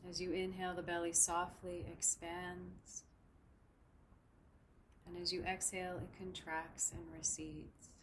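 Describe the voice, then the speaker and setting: A woman guiding a breathing meditation in a soft, soothing, unhurried way. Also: on the low side, little pitch movement, a little hiss or hum. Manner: slow, soft, soothing instruction. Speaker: meditation guide. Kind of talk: guided meditation.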